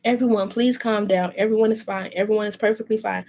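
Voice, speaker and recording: A woman voicing a calm female journalist who questions an inmate in a measured way. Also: medium pitch, a little hiss or hum, close to an everyday voice.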